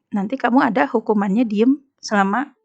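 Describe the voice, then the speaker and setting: A woman's voice: fairly high pitch, brisk, gravelly, muffled recording. A woman with an Indonesian accent, speaking as a guest on an Islamic women's talk show and telling stories with emphasis. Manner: emphatic, animated storytelling with acted quotes.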